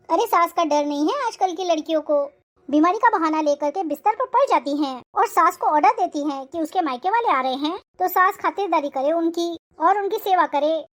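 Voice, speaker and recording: Woman doing scolding proud mother-in-law. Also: very high-pitched. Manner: scolding, sharp-tongued, complaining. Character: stern proud middle-aged mother-in-law.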